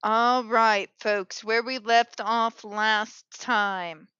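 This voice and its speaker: Bright, high-pitched woman with call-center polish. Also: steady tone, extremely slow, clean tone, dry recording, dull audio. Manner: sarcastic, blunt, emphatic, with swearing. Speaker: host of an advocacy commentary show. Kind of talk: opinionated commentary.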